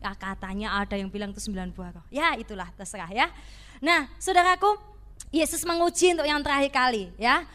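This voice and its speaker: A woman preaching a sermon with a fairly high voice. She talks in a lively, conversational way and breaks into sudden loud bursts for emphasis. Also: brisk.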